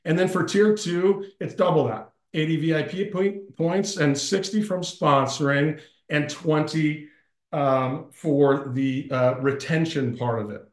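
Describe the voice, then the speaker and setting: A man's voice: a little high, measured pace, reverberant. A man hosting a company video call, enthusiastic and chatty, joking with many fillers, speaking into a computer mic. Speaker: host of a company team call. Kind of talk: upbeat live video call presentation.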